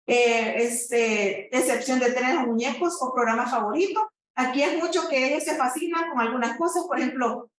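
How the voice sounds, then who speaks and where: A woman's voice: high-pitched, fairly even intonation, moderate pace. A woman therapist giving a lecture, explaining at length and often checking in with the audience. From El Salvador. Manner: explanatory, frequent "¿verdad?" tags and fillers. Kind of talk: teaching presentation. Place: lecture room. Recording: echoey room, voice far from mic.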